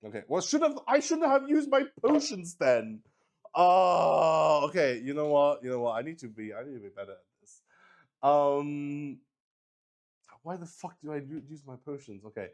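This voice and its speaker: Narrating a solo tabletop RPG in which he is both player and game master, a man thinks out loud in a casual way, mocks himself and swears freely. His voice runs on the high side with big pitch swings, at a normal speed.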